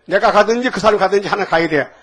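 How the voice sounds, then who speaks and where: Speaking quickly in a high, fairly bright voice with a breathy edge, an older man delivers a sermon to his church. He is folksy and playful as their pastor, often turning to the listeners with "응?" to draw responses.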